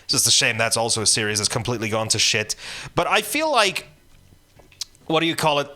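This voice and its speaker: Rambling, blunt man with a bright voice. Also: medium pitch, sing-song, fairly quick. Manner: rambling, many restarts and fillers, blunt and profane. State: hiccuping. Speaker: gaming channel host. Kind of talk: casual rambling game commentary.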